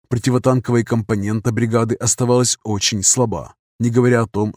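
A man reading a military novel aloud as scripted narration, in an even, steady manner. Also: medium pitch, dry recording, studio quality. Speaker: audiobook reader.

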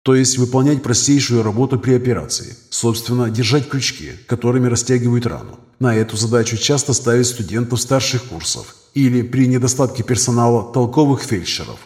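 A man reading a novel aloud in a measured, even manner. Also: medium pitch, husky. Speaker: narrator. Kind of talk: audiobook narration.

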